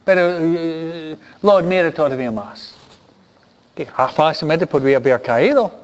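A man preaching a sermon, animated and repeating phrases for emphasis. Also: fairly high pitch, a little slow, lo-fi sound.

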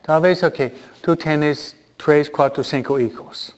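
Speaking very unhurriedly in a slightly high voice, a priest delivers a conversational sermon laced with humor. He pauses often in hesitation and poses rhetorical questions to the congregation, captured on a muffled, lo-fi recording.

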